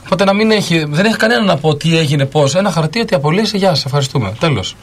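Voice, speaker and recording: A male radio panelist whose voice sits somewhat high for a man. He talks in a chatty, conversational way and breaks into quick asides. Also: lively intonation.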